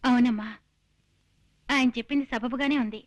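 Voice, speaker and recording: An actress playing a dutiful young daughter who speaks in an earnest, resolute way, in film comedy dialogue. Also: female voice, fairly high pitch, fairly even intonation, normal speed, background noise, natural voice. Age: young adult.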